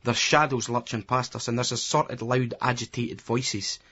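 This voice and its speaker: A man's voice: medium pitch, fairly even intonation, normal speed, pushed and bright, breathy edge. Blunt Scottish man narrating, muffled audio. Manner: blunt, crude, conversational. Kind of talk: first-person novel narration. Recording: dull lo-fi remastered recording.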